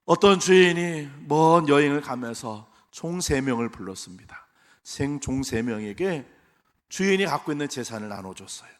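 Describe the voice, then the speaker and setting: A male pastor delivers a Sunday sermon in an emphatic preaching style. His voice sits a little higher than most men's. A long hall reverb from the church sanctuary trails after every phrase. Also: lively intonation, moderate pace. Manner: emphatic preaching, addressing the congregation directly.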